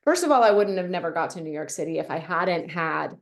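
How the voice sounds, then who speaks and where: A woman's voice: on the low side, lively intonation, brisk, vocal fry. A middle-aged woman from Canada, telling her story as a guest in a casual interview, full of "like" and "you know". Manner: chatty, lots of "like" and "you know".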